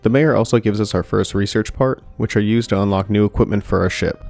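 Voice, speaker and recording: Low-voiced man narrating a game review. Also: a little fast, vocal fry. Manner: steady, dry, with light jokes. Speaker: gaming YouTuber. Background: soft background music.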